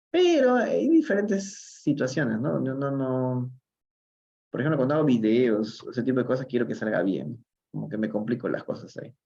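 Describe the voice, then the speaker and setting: A man teaches English in a live-streamed reading lesson, at a mid pitch. He reads each line at a very slow, careful pace and then explains it in Spanish. The recording sounds dull and lo-fi. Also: a little mellow. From Peru.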